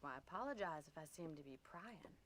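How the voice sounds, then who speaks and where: A woman voicing a spirited young ranch woman in a video game, talking in a brisk, friendly, teasing way. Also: low voice, expressive, fairly bright tone, a little hiss or hum.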